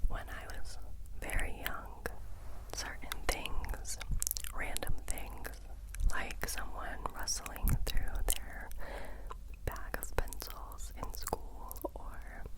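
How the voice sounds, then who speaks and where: A young woman whispering softly and intimately, close to a binaural mic, chatting casually as she answers questions in ASMR style. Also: takes it slowly, rough recording. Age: young adult. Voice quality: soft unvoiced whisper. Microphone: close binaural microphone.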